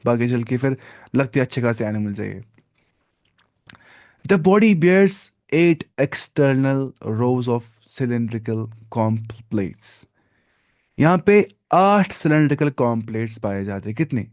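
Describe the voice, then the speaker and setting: A man's voice: mid-range voice, animated, extremely slow, a little mellow, no echo, clean studio sound. A man teaching biology in a live online class. He asks the class questions and answers them himself.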